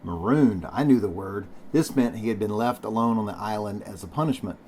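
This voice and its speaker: A man's voice: on the low side, a little fast, a little mellow, a little hiss or hum. Man reading a novel aloud for students. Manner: calls out page numbers as he reads. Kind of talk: read-aloud narration of a novel.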